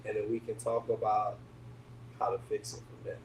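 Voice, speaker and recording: Spokojnie tłumaczący mężczyzna w pogłosie. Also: male voice, lowish voice, normal speed. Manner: calm, explanatory. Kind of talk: casual group chat. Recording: echoey room, mic at a distance, faint noise.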